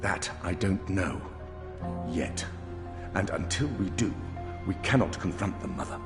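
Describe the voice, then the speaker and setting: An actor playing a stern, proud general in a video game, speaking in a grave, formal, commanding way. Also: male voice, deep voice, animated, measured pace. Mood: grave, troubled. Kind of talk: dramatic video game acting. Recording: reverberant hall with music.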